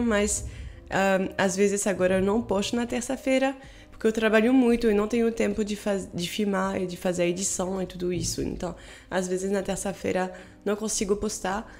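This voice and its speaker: A woman's voice: mid-range voice, darkish tone. A young woman from France speaking with a French accent, sounding stuffy from a cold, chatting casually and laughing as she hosts a reaction video. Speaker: YouTube reaction host.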